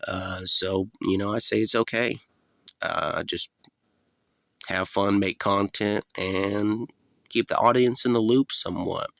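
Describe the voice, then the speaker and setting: A man with a very low voice full of vocal fry chats casually to his viewers. He rambles in a laid-back, unscripted way and drops in casual swearing. The sound is close and dry, with very little room to it. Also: takes it slowly, a bit bright, no room sound. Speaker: vlogger. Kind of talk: casual rambling solo vlog talk.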